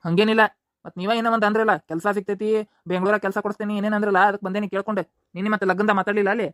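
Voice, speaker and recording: A woman voicing a young village man with a North Karnataka accent, worried about getting married and pleading in rapid rural speech. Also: medium pitch, steady tone, fairly bright tone, no room sound, clean studio sound, voice pushed down, close to an everyday voice. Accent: North Karnataka Kannada.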